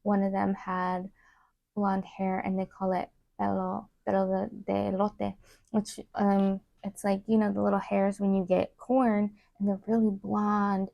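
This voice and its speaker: A young woman chatting casually while doing her makeup, rambling with many fillers and trailing off into soft asides. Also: mid-range voice, level tone, measured pace, gravelly, no room sound, dull audio. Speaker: beauty vlogger. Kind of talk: casual get-ready-with-me chat.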